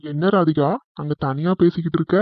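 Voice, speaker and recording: A man voicing an easygoing young husband in a cartoon comedy, mild and pleading as he tries to calm things down. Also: a little high, fairly quick, dry recording, close to an everyday voice. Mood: placating. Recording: tinny phone-like sound.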